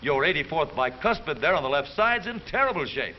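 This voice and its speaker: An American man reads a scripted 1930s newsreel in a fairly high, very animated voice, moving briskly. His delivery is jaunty, theatrical and full of wisecracks. The soundtrack is muffled and hissy, typical of the era.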